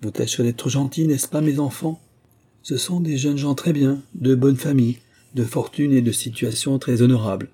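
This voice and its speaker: Brief: man doing a delicate, admonishing princess mother in an audiobook, husky and mellow. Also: mid-range voice, steady tone, moderate pace, pitched above the performer's own voice, natural voice. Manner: gentle, admonishing. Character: frail, gently reproachful aristocratic mother.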